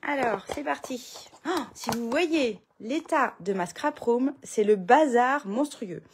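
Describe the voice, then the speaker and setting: A woman's voice: a little high, lively intonation, takes it slowly, slight background noise. A middle-aged woman, chatting casually through a papercraft tutorial from her home craft room, full of fillers and restarts.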